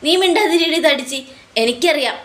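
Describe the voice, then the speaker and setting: A woman's voice: high voice, moderate pace, fairly bright tone, voice pushed up. A woman putting on a whiny, bossy young mother gone unhinged. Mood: scolding. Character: unhinged young mother, childish, greedy, quick to scold.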